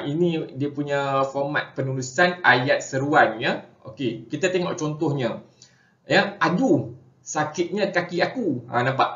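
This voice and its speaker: A young Malaysian man gives a casual language lesson, his mid-pitched voice relaxed and chatty, with frequent filler words. The recording is roomy and echoey, with a slightly dull, muffled tone. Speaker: teacher.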